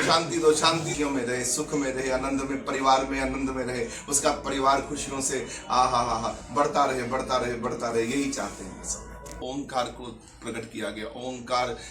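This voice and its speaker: A man speaking as a spiritual leader who answers questions at a religious gathering, emphatic and explanatory. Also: mid-range voice. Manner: emphatic, preaching, explains terms. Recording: echoey, far from the mic.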